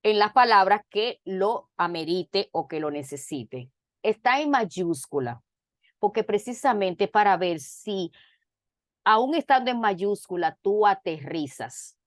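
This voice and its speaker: A woman from the Dominican Republic teaching a grammar lesson over a video call, talking deliberately and repeating her phrases. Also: medium pitch, animated, dry recording, studio quality.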